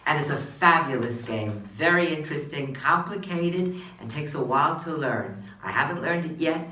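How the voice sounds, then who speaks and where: An older man, a guest player, talking in a friendly, slightly halting way about a board game. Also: on the high side, animated, pushed and bright. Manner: friendly, hesitant, a little halting. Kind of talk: casual review chat. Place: room in Minnesota. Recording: echoey room, a bit far from the mic.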